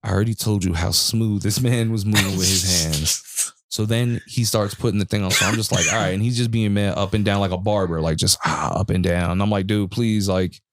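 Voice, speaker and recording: A man in his thirties telling an animated, slangy story with swearing on a casual podcast. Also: lowish voice, fairly quick, background noise. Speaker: podcast co-host. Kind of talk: casual chat.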